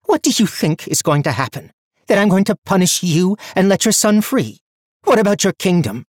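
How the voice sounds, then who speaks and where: A man's voice: a little high, fairly even intonation, fairly quick, darkish tone, no echo, clean studio sound, pitched above the performer's own voice, natural voice. A man voicing a young woman overlord who questions prisoners with grave, barely hidden anger. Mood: furious.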